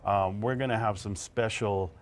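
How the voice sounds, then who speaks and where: A man, a chef, explaining his dishes in a relaxed plain way while cooking on a TV segment. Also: lowish voice, moderate pace. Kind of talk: guest chat while cooking on TV.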